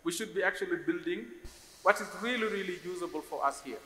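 On a big conference stage, a Senegalese man in his forties, an investor on the panel, talks fast in a high, bright, forceful voice. He's thoughtful and tends to repeat words as he searches for what to say next. The stage microphone on its stand picks up spacious reverb with a faint hiss.

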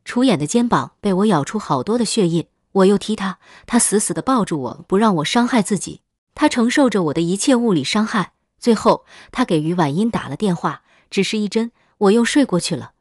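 A woman reading a first-person web-novel story in a subdued, even voice. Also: mid-range voice, brisk, no room sound, clean studio sound.

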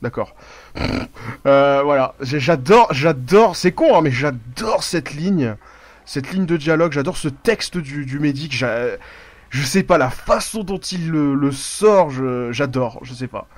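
A man narrating his own gameplay in a casual, rambling way, his voice sitting a little high. He swears freely and breaks off mid-sentence whenever something happens in the game. The talk runs on loosely, like chatting with viewers over a desk mic. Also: animated, measured pace, dry recording. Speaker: gaming YouTuber. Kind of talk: live gameplay commentary.

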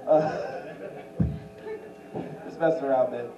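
Here the same kind of open-mic set plays out: a young man on a small club stage with a handheld mic, breaking into impressions of famous voices. His pitch is medium, his intonation fairly even and his pace slow. The far-camera club recording is roomy with the highs cut off, and crowd noise and laughter sit underneath.

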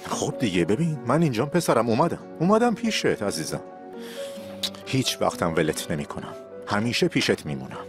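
A man's voice: on the low side, sing-song. An actor dubbing a young boxer father who tenderly reassures his sick son in a TV drama. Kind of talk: dubbed TV drama. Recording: TV drama dub with music behind.

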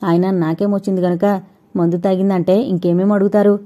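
A woman's voice: mid-range voice, flat delivery, brisk, mellow, natural voice. A woman reading a guarded, teasing young man. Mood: irritated. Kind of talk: audiobook character reading.

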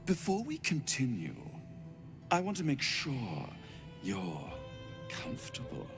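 An actor playing a sly, seductive incubus demon in a video game, theatrical and purring, with drawn-out words and whispered asides. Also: male voice, medium pitch, huge pitch swings, exaggerated voice. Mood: coaxing. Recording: music behind the voice. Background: game music.

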